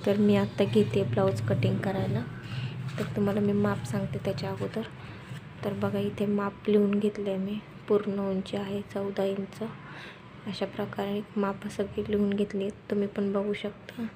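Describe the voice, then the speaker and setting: A woman giving a step-by-step sewing tutorial, speaking softly and quietly at night, repeating steps as she goes. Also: mid-range voice, monotone, moderate pace, background noise. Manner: instructional, repeats steps and measurements.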